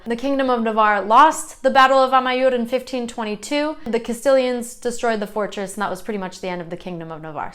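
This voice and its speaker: A woman hosting her own channel, talking casually and laughing at her own slip-ups as she explains. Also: a little high. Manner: chatty and self-deprecating, laughs at her own mistakes. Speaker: channel host.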